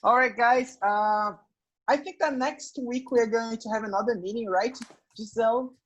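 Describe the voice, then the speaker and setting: A woman's voice: on the high side, moderate pace, lo-fi sound. A woman casually moderating an online group live stream as its host. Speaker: meeting host.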